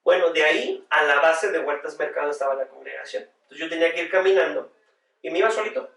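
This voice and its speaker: A pastor tells his story as a podcast guest, earnest and reflective, with a somewhat high voice for a man. His voice carries a roomy echo and sounds set back from the microphone. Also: quick pace, gravelly, a bit bright. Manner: reflective, earnest, with frequent "este" fillers. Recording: roomy sound, voice far from the mic.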